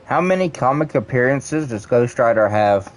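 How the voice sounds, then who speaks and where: A young man streaming, chatting casually and rambling excitedly to his viewers, prone to ranting. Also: medium pitch. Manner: rambling, excitable, quick to rant.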